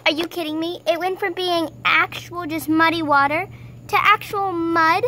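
A woman's voice: very high-pitched, fairly even intonation, normal speed, bright, forceful tone, pitched above the performer's own voice. A woman voicing a spoiled female horse in amateur toy role-play, whining, indignant and melodramatic. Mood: whiny, disgusted. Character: spoiled, whiny female horse, a drama queen. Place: outdoors, close to handheld camera. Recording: noisy handheld outdoor recording.

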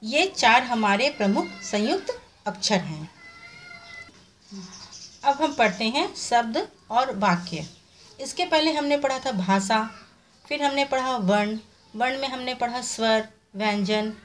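A woman's voice: fairly high pitch, lively intonation, measured pace, slight background noise. A woman teacher giving a recorded revision lesson, explaining step by step and answering her own questions. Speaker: Hindi teacher.

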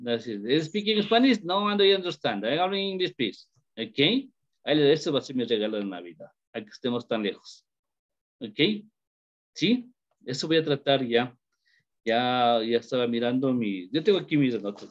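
A man teaching an English class online, switching between Spanish and English and encouraging his students. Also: mid-range voice. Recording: dull lo-fi audio.

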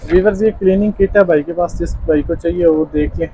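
A man's voice: on the high side, fast talker, dark tone, muffled recording, slight background noise. A man hosting a market video, asking a shopkeeper about goods and prices and speaking to viewers, recorded in a shop with a lapel mic. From Pakistan. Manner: asks prices, addresses viewers. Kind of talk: casual shop interview. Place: crowded outdoor market shop.

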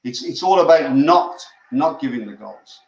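A man's voice: mid-range voice, animated, moderate pace, reverberant, lo-fi sound. An older grandfather, chatting casually and urging the players on during a live football reaction. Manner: chatty, restarts sentences, urges the players on. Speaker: grandfather co-watching the match.

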